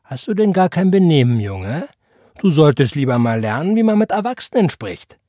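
A man's voice: mid-range voice, sing-song, moderate pace, a little mellow, husky, no room sound, clean studio sound. A man voicing a strong older teenage boy who teases and bosses around in a raised voice. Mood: mock scolding. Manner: teasing mock threats, raised voice.

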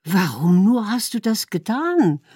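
A woman's voice: mid-range voice, big pitch swings, measured pace, warm tone, breathy edge, dry recording, studio quality, voice pushed up. A woman voicing a deceived young wife who heaps accusing, pleading questions on her husband. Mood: reproachful.

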